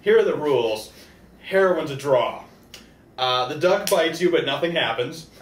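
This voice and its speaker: A man's voice: a little high, lively intonation, unhurried. A man co-hosting a comedy show, improvising sketches and banter in a rambling, profane, joking way. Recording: roomy echo with faint background noise.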